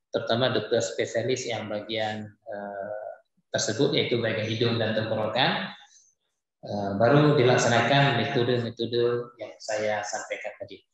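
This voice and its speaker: A man teaching Quran recitation, answering viewers' questions in a hesitant way with many filler pauses. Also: mid-range voice. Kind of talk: live-streamed Q&A lesson. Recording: very echoey room.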